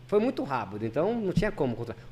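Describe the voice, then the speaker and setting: Guy talking really fast, podcast guest, earnest, keeps restarting and repeating words, middle-pitched voice. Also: very animated, mellow. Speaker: podcast guest, lay preacher. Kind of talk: casual personal storytelling.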